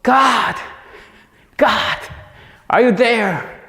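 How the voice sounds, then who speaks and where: A man's voice: on the high side, expressive, measured pace, a little mellow, pitched above the performer's own voice. A man voicing a desperate man clinging to a cliff edge, crying out and pleading. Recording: long hall reverb.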